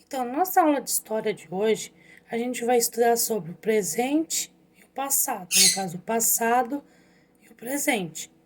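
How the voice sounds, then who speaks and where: A young woman leads an online lesson in a high voice. She talks straight to her pupils in a calm, patient way. She reads the story slowly so they can follow along. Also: a little hiss or hum. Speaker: teacher.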